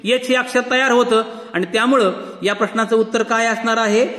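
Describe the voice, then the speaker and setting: Brief: patient teacher, Marathi accent, echoey room, quiz-style explanation. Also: male voice, extremely high pitch, fairly even intonation, brisk, a bit bright. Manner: patient, asks and answers his own questions. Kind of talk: exam-prep lesson, slow question and answer. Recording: echoey room with long reverb.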